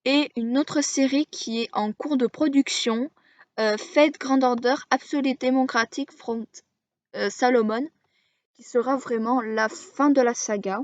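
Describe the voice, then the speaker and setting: A woman casually explaining to camera as an anime video creator, halting and pausing often as she works through a list. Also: fairly high pitch, steady tone, no room sound. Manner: halting, frequent hesitations while listing titles. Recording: dull lo-fi dry recording.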